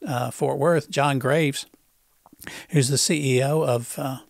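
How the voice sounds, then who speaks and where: A male talk show host, interviewing in a halting way, repeating words and filling pauses with uh. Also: mid-range voice, steady tone, gravelly, no echo, studio quality. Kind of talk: conversational political interview.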